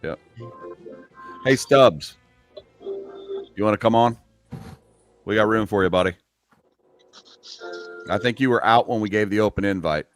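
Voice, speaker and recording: Fifty-something guy hosting a stream, kinda low voice, chill drawl, lots of "dude" and "man". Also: a little slow, pauses often, dry recording, soft background music. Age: 50s. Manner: laid-back, drawling, calls people man and dude. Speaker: stream host. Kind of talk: casual chat on a charity livestream.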